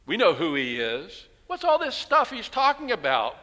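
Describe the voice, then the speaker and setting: A preacher in his sixties speaks at normal speed in a high voice that swoops wildly in pitch, pushed and bright. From the pulpit of a large church, he tells stories, voices townspeople, and asks the congregation rhetorical questions. His headset mic picks up the hall's long reverb.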